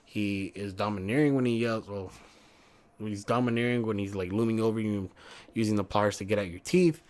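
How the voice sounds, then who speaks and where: A man's voice: fairly low pitch, steady tone, moderate pace, a little mellow. Rambling, profane young man reviewing a game. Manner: rambling, profane, self-correcting.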